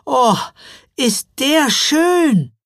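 Man doing little girl Mila, high and gushing. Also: big pitch swings, extremely slow, dry recording, clean studio sound, full character voice. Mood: amazed. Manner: squealing, breathless with wonder. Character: cheerful girl Mila, easily amazed.

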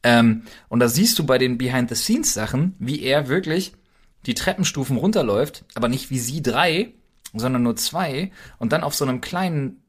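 A man in an excitable, slangy casual chat as a podcast co-host. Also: medium pitch, normal speed, husky.

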